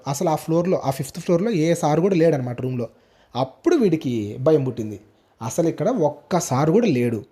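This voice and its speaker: Fast-talking man telling a ghost story. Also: a little high. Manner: animated, acts out quoted speech. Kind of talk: first-person ghost story narration.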